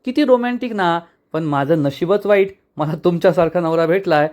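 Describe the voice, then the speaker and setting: A man voicing a chatty, cheeky young wife who teases and argues in rapid, mock-indignant bursts. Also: fairly low pitch, darkish tone, natural voice. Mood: chattering, teasing.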